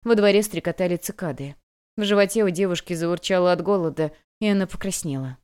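A woman narrating a novel in a measured, even storytelling manner. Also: lowish voice, clear, resonant tone. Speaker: audiobook narrator. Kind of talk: scripted narration.

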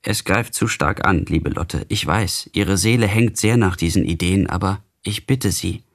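A man reading a calm, soothing young man. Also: deep voice, unhurried. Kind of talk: literary radio reading.

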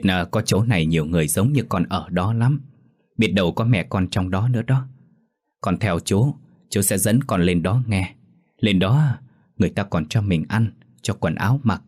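A man voicing a gentle, coaxing teacher. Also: sits low, moderate pace, husky. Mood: tender. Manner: soft, coaxing. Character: gentle male Buddhist teacher, tender and kind.

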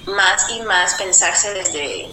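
A woman from Guadeloupe, a guest artist speaking slowly and reflectively on live radio. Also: medium pitch, bright, forceful tone. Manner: slow, reflective, hesitant. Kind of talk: live radio conversation over a remote call. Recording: echoey remote line with noise.

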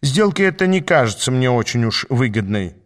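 A man voicing a calculating, power-hungry male wizard who speaks slowly and suspiciously. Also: medium pitch, big pitch swings, natural voice. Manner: slow, suspicious, deliberate.

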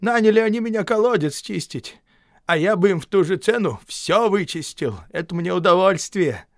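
A man voicing a gruff, grasping peasant well-digger who grumbles and reproaches, in an audiobook reading. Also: high-pitched, lively intonation, normal speed, dry recording, clean studio sound, voice pushed up. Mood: grumbling. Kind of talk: audiobook character voice.

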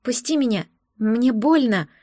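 A woman voicing a frightened young woman in an audiobook, speaking quietly and tremblingly, barely above a whisper. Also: a little high, lively intonation, measured pace, no echo, clean studio sound. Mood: pleading.

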